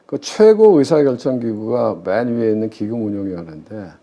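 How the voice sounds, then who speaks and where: This middle-aged man once served as chief investment officer of a pension fund and now comments on public finance as an interview guest. He talks briskly in a fairly low, dark, expressive voice. He stresses his points, often fielding his own questions, over slightly muffled sound.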